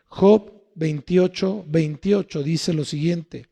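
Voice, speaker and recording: Slow and deliberate, a male pastor delivers a sermon in a fairly high, mellow voice that is gravelly with a breathy edge. He repeatedly asks rhetorical questions and answers them himself, and the long reverb of a church hall surrounds his words.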